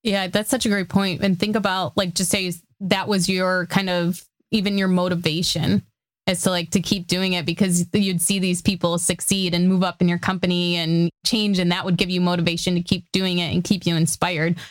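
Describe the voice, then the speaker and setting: A woman's voice: fairly low pitch, little pitch movement, moderate pace, dry recording. Chatty woman co-host, dry close sound. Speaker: podcast co-host. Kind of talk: casual chatty podcast talk.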